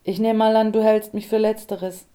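A woman's voice: mid-range voice, little pitch movement, normal speed, warm tone, lightly acted. A woman reading an audiobook, voicing a battered young man who asks wary, incredulous questions. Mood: questioning.

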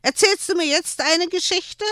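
A man voicing an excitable, stubborn little boy who whines and makes demands. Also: extremely high pitch, normal speed, no echo, clean studio sound, voice pushed up. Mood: eager. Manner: whiny and demanding.

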